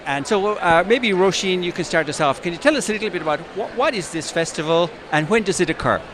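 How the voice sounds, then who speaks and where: Friendly male podcast host, higher voice. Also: expressive, quick pace, noisy background. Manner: friendly, asks short prompting questions. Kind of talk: casual interview. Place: busy exhibition hall stand.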